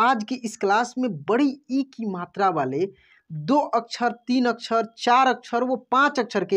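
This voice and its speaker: A man teaching a Hindi lesson online, patiently explaining and slowly drawing out each word before repeating it. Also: very high voice, a bit bright. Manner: addresses viewers as friends, patient and explanatory. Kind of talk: online lesson, reading words aloud.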